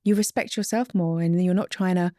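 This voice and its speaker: A woman relationship coach talking as an interview guest, earnest and teaching, sometimes dropping to a soft, whispery emphasis. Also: fairly low pitch, fairly even intonation, fairly quick, no room sound, studio quality.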